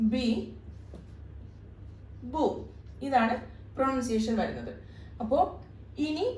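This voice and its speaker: A woman tutor explains a lesson in a patient, methodical way, going over each point more than once. Her voice sits a little high. She is recorded at some distance from the mic in an echoey room. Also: darkish tone. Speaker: Arabic tutor. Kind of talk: step-by-step lesson.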